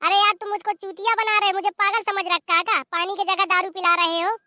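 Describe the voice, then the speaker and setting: Voice actor playing a nosy visiting buddy in a cartoon, high squeaky, teasing and giving advice. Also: little pitch movement, brisk, pushed and bright, no echo, studio quality, full character voice. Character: male visiting friend from abroad, meddling. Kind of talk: animated comedy voice acting.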